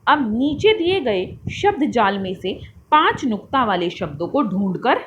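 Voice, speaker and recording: Woman teacher for young kids, slow and animated, drawn-out drill words, faint hiss behind. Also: fairly high pitch, highs cut off. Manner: addresses children fondly as "beta". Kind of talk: online class lesson.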